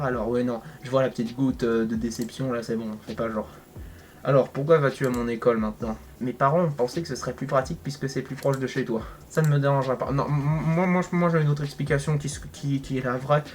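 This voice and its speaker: A man's voice: medium pitch, slight background noise. A man reading a visual novel aloud, breaking off with joking, slangy comments and big reactions. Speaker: gaming content creator.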